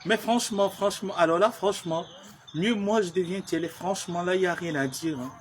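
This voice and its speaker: Male streamer, talkative and playful, higher-pitched, slight background hiss. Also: a little fast. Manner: chatty, joking, repeats himself. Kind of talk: casual chat reacting to viewers.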